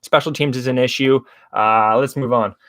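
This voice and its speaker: A man's voice: medium pitch, steady tone, moderate pace, fairly bright tone, no echo. Chatty young man hosting betting picks. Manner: chatty, rambling, addresses chat viewers as guys. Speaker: sports betting show host. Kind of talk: casual hockey betting breakdown livestream.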